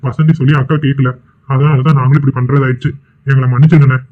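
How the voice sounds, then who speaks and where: A mild middle-aged father in a homemade cartoon speaks in a flat, fast monotone, voiced by a man. He sounds conciliatory. The recording is thin and phone-like. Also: mid-range voice, close to an everyday voice. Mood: calm. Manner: plain, conciliatory.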